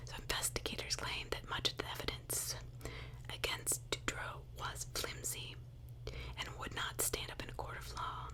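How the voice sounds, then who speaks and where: In an ASMR true crime telling, a woman whispers breathily without voicing, moving at a moderate pace. Her tone is chatty and full of opinions, and she often poses rhetorical questions.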